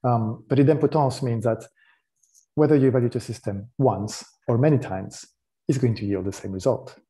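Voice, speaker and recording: A man with a French accent giving a technical conference talk, explaining in a relaxed way with frequent ums and restarts. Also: mid-range voice, normal speed. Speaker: conference speaker.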